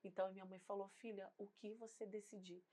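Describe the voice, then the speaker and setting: A woman's voice: mid-range voice, little pitch movement, quick pace, warm tone. A woman pastor with a Brazilian Portuguese accent, giving an earnest, emotional faith testimony in an interview, rising to fervent intensity. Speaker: pastor and singer, guest.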